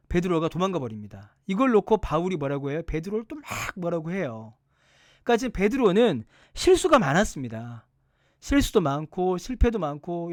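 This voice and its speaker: A man with a high, very lively voice leads a Bible study as a pastor. He keeps asking the listeners questions and throws himself into the quoted lines. The sound is dry and close. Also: dry recording.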